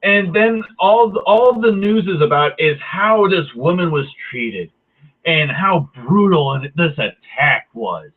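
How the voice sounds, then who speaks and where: A man's voice: fairly high pitch, expressive, measured pace. A ranting man on tinny, phone-like audio. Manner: heated, profane, sarcastic. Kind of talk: angry ranting monologue.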